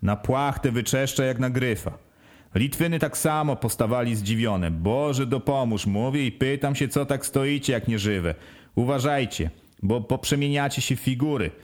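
A man's voice: mid-range voice, normal speed. Man reading a first-person story. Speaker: audiobook reader. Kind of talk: first-person audiobook narration.

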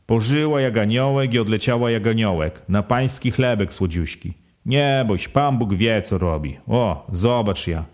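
A man voicing an old village father in an audiobook, low and weary, speaking with resigned fatalism. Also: normal speed, a little mellow, natural voice. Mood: self-pitying. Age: older.

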